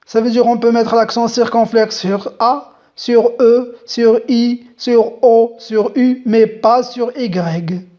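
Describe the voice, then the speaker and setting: Slow, deliberate French teacher woman. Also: a little high, steady tone, dark tone, muffled recording. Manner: slow, deliberate, spells out letters; patient, addresses viewers directly. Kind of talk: French grammar lesson.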